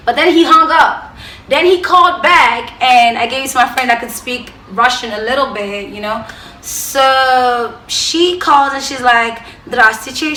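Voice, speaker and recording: A young woman with a Nigerian accent telling stories to camera, animated, jumping from loud bursts to hushed asides. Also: on the high side, reverberant, slight background noise. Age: young adult. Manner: animated storyteller who swings from loud outbursts to hushed asides. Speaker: vlogger. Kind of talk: storytelling to camera.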